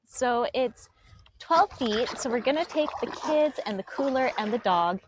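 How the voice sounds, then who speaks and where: A young adult woman co-hosting a casual live stream from a dock on a lake, chatty and quick to laugh. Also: on the high side, expressive, background noise. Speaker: co-host presenting paddleboards. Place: outdoors on a floating dock on a lake.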